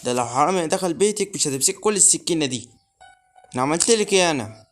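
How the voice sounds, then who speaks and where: A man's voice: a little high, lively intonation, very fast. An Egyptian man giving let's play commentary on a horror game, muttering nervously and breaking into sudden yelps. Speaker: gaming channel host. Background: game music.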